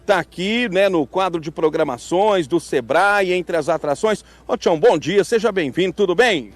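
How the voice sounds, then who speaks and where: A man reporting live outdoors from a farm fair, joking and teasing his guests with quick questions. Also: sits high, lively intonation, no echo. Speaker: field reporter and host.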